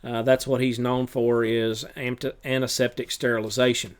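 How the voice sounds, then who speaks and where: A male teacher talking through a chapter review for his students, relaxed and loose, with plenty of filler uhs. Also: mid-range voice, normal speed, clean tone. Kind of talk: recorded review lesson.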